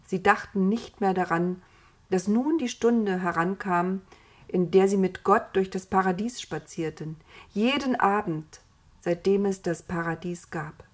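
A woman narrating a children's story in a calm, expressive storytelling manner. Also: mid-range voice, measured pace.

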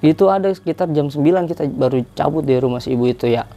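A man's voice: on the high side, quick pace, dark tone. A young man casually telling a story as a podcast guest, rambling along and tagging his sentences with fillers. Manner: chatty, rambling, with many filler tags.

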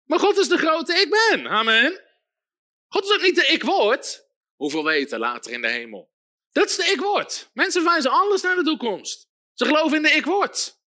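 A man preaching a sermon in an emphatic, repetitive style, often calling for amens and sometimes shouting. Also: extremely high pitch, very animated, moderate pace. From Netherlands.

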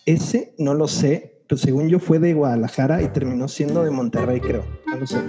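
A man with a Mexican accent hosting a casual podcast chat, playful and animated. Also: mid-range voice, moderate pace, over music. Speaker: podcast host.

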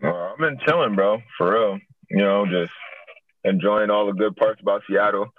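A man's voice: lowish voice, moderate pace, dry recording. A young man from upstate New York, a basketball player talking as a guest in a casual interview, laid-back and slangy. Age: young adult. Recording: dry, tinny phone-like line.

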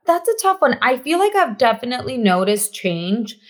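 Fairly high-pitched and very animated, a woman from Mexico with Spanish as her first language speaks at a moderate pace as a podcast guest. She's earnest in the casual chat, frequently restarting and repeating phrases for emphasis.

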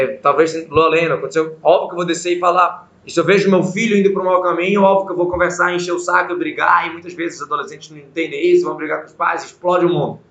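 A man's voice: fairly high pitch, a bit bright. A man giving an informal religious lesson, asking rhetorical questions and acting out little voices. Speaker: religious teacher. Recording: echoey, dull lo-fi sound.

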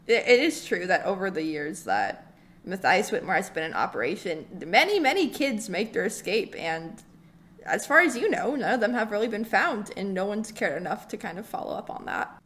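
A woman narrating a tabletop game as game master, animated and often laughing. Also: medium pitch, moderate pace.

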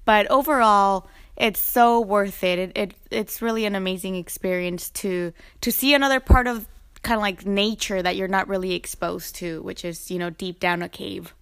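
Relaxed woman chatting about travel, smooth clear voice, mid pitch. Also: moderate pace. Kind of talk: casual travel chat.

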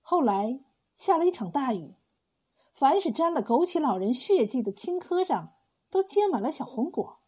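A woman narrating a folk tale in a slow, even storytelling manner. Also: high voice.

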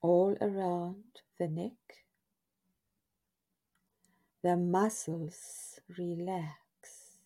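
A woman with a mid-range voice reads a scripted guided relaxation in a hushed, breathy half-whisper. She sounds soothing, stretching out her phrases and leaving pauses.

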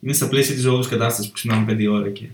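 A man's voice: medium pitch, steady tone. A young man from Alexandroupoli co-hosting a casual podcast, telling stories in a rambling, self-correcting, profane way. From Alexandroupoli, Greece. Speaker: podcast co-host, comedian. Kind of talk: casual chat. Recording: echoey room, mic at a distance.

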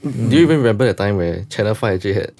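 A man's voice: lowish voice, expressive, very fast, a little mellow. A young Singaporean man chatting casually in colloquial Singlish, using particles like lah, lor and eh. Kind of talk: casual group chat.

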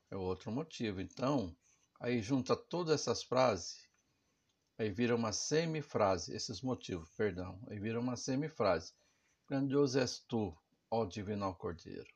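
A man's voice: mid-range voice, slightly rough, muffled recording. Patient man teaching music. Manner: patient, explanatory, checks in with "né?" and "tá certo?". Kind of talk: instructional music lesson.

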